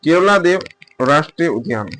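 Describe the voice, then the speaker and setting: A male teacher giving a casual exam-prep lecture, asking questions and answering them himself, and repeating key terms slowly as he writes them down. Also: a little high, animated, a bit bright. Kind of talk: casual classroom-style lecture.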